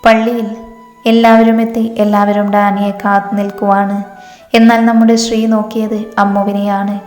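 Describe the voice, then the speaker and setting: A woman storyteller narrating a romance story in a steady, even manner. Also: medium pitch, normal speed. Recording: echoey room, long reverb, faint music.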